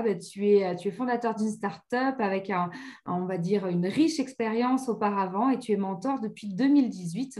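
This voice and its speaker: Woman podcast host, kinda high voice, chatty, lots of little fillers. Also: a little mellow. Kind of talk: hosted interview.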